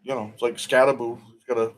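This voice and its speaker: A man's voice: medium pitch, little pitch movement, quick pace. A middle-aged man hosting a stream, chatting casually about football in a rambling, opinionated way and often correcting himself. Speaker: stream host.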